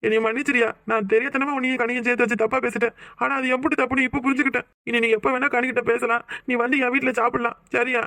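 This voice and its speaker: Man as a quick, high-voiced, emotional young husband in a cartoon; dry, close recording. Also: little pitch movement, pushed and bright, no echo, full character voice. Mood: grateful. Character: hot-headed young village husband, remorseful. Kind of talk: cartoon voice acting.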